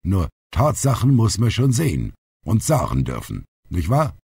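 A man reading an audiobook, voicing a blunt, outspoken old grandfather who is gruff but loving. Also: fairly low pitch, huge pitch swings, measured pace, a little mellow, no echo, pitched above the performer's own voice, exaggerated voice. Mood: wry. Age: older. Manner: blunt, plainspoken.

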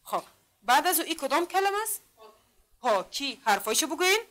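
A woman with an Afghan Dari accent teaching a literacy class. She sounds out letters and syllables slowly, asks the class questions again and again, and praises their answers often. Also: sits high, very animated, fairly bright tone. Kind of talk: classroom lesson.

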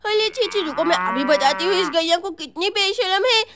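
Brief: woman playing a bossy, whiny little village girl in a doll story; shrill, squealing, complaining. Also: expressive, normal speed, crowd noise. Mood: shooing.

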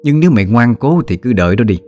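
A man's voice: mid-range voice, very animated, fast, warm tone, faint music behind, lightly acted. A man voicing a stern, vengeful older mistress of a magistrate's house, harsh and threatening. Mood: cold.

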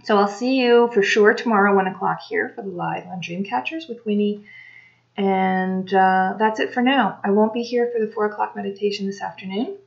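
A woman talking casually to camera as a tarot reader, unhurried and full of ums and restarts. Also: medium pitch, creaky, highs cut off. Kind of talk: casual solo talk to camera.

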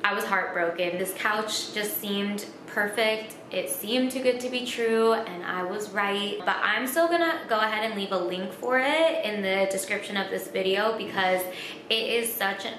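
A woman's voice: medium pitch, normal speed, fairly bright tone. Young woman vlogger, casual storytime delivery, upbeat and chatty; roomy echo and faint hiss. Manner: chatty, upbeat, uses "like" often. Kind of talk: casual home vlog storytelling. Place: small room at home, indoors.

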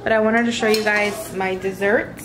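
A woman's voice: medium pitch, fairly even intonation, normal speed, crowd noise. A young woman vlogging casually while eating at home, chatty and switching into Spanish now and then. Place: home dining table. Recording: loud dish and cutlery noise. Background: dishes clattering.

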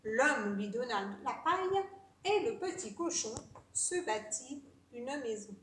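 A woman teacher reading a storybook aloud with expressive, theatrical storytelling. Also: on the high side, measured pace, slight background noise. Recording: echoey room, a bit distant.

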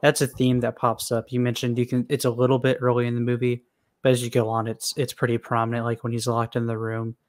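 A man's voice: medium pitch, completely flat delivery, fast talker. A young man co-hosting a casual film review podcast, sharing trivia between fillers. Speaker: podcast co-host.

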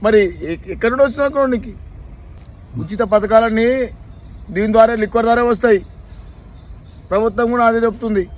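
A man's voice: very high voice, steady tone, fast, long pauses. An actor with a Telangana Telugu accent playing a man who pleads and laments at length over his beloved liquor in a village comedy sketch. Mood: lamenting. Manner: wailing, pleading, rambling complaint.

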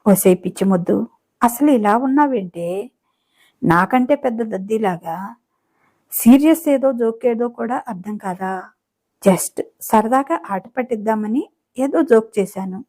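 A playful young husband teases his wife with affection in this storybook romance, as a woman narrator reads his lines. The voice is mellow and warm. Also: on the high side, measured pace, pauses often. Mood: teasing.

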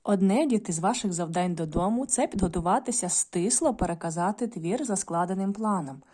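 A woman's voice: mid-range voice, animated, brisk, mellow. A woman teaching a video lesson to primary school children, patient and instructive, often addressing them directly.

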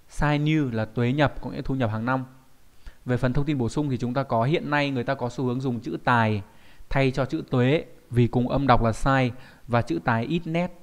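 A man, teaching kanji in an online lesson and often checking in with students through quick questions. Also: medium pitch.

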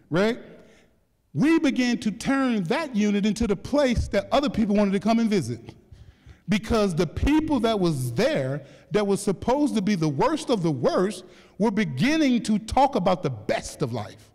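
An older man speaks as a keynote speaker, his voice pitched high and swinging widely as he tells his story. He laughs often and jokes with the crowd, and a long reverb hangs on every word in the hall. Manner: animated, laughing, joking with the audience.

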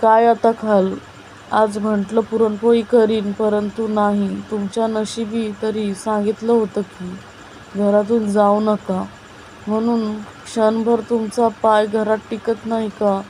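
A woman's voice: mid-range voice, flat delivery, takes it slowly, mellow, a little hiss or hum, natural voice. A woman reading a poor village mother. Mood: scolding.

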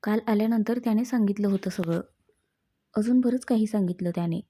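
A woman reading the lines of a calm, self-assured young husband in a storybook, steady and reassuring. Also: mid-range voice, a little fast, breathy edge, close to an everyday voice.

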